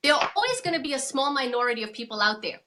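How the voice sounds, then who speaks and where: A woman's voice: sits high, animated, racing, background noise. A woman from South Africa, an author speaking as an interview guest in a forthright, emphatic way. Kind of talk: interview conversation.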